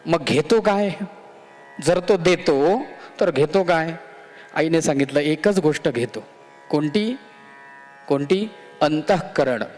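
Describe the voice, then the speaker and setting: A man's voice: fairly high pitch, slow pace. A man giving a devotional storytelling sermon in a temple hall, speaking dramatically and addressing the listeners directly. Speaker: religious discourse speaker. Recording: long hall echo with soft music behind.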